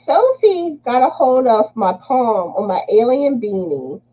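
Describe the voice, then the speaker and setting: On a dull-sounding recording, a woman with a Southern US accent runs a casual livestream, laughing often as she greets viewers by name. Her voice is on the high side, sing-song and unhurried.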